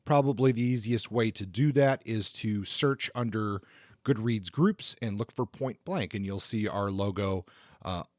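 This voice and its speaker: Speaking a little slowly in a fairly low voice, this podcast co-host talks informally about a literary biography, working from notes. The recording is dry and clean, with studio sound.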